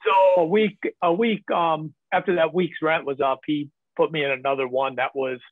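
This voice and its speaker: A man's voice: a little high, steady tone, moderate pace, no room sound. Man telling stories over a tinny line. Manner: candid, laughs often, many fillers. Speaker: podcast guest. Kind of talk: casual storytelling. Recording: tinny phone-like line, dry.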